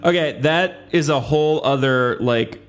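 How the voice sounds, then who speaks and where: A man's voice: mid-range voice, measured pace. A man hosting a podcast in casual chat, joking and teasing his guest and rambling with frequent restarts. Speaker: podcast host.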